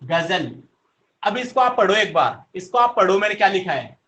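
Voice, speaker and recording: Male teacher, high bright voice, slow delivery, drills the class with repeated questions. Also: big pitch swings. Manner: answers his own questions. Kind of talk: online class lesson.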